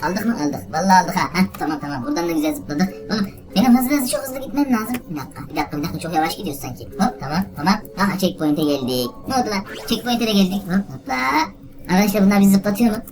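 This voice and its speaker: Very fast excitable gaming host woman. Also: fairly low pitch, over music. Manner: excitable, exclaiming, talks straight to viewers. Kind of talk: let's play commentary.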